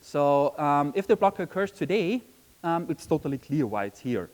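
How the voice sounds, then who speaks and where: A man's voice: on the high side, big pitch swings, normal speed, rough recording. A man from Austria, giving a conference presentation in a chatty way, often saying "um" and asking "right?". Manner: chatty, frequent "um" and tag question "right?". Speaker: conference speaker. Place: conference session room.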